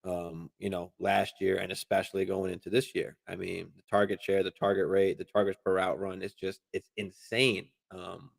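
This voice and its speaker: A man hosting a live fantasy football stream, answering viewer questions in a relaxed, casual way, swearing freely and using lots of fillers and restarts. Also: low-pitched, normal speed, vocal fry, hardly any pauses. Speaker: fantasy football show host.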